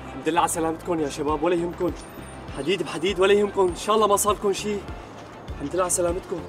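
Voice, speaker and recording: An actor playing a smooth-talking con man who apologises too much, with a Syrian accent, in a TV comedy sketch. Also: high voice, steady tone, music in the background, natural voice. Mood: smooth reassuring. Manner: fast, ingratiating and overly apologetic. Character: smooth-talking male con man posing as a returnee from abroad. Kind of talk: Levantine TV comedy acting.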